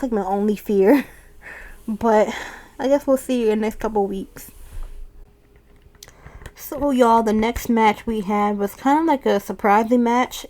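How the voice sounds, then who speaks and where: A woman talking through a wrestling show in a relaxed, chatty recap and laughing now and then as she goes. Her voice is warm and mellow at an ordinary pitch for a woman. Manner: chatty, laughs often while retelling. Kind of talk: casual recap talk.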